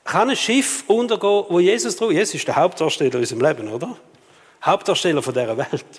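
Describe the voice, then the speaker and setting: A man preaching a sermon with a Swiss German accent, lively and rhetorical, often asking the audience questions. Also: fairly high pitch, quick pace. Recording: long reverb of a hall.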